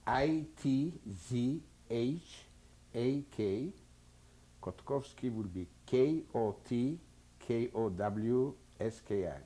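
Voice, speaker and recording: A Polish man in his seventies gives oral history testimony as an interviewee, speaking slowly and hesitantly with a Polish accent and often searching for English words. His voice is medium-pitched and dark in tone.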